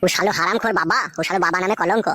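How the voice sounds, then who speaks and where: A woman's voice: on the low side, rapid-fire, pushed and bright, no room sound. A woman voicing a sullen, insolent young son in a comic skit, talking back.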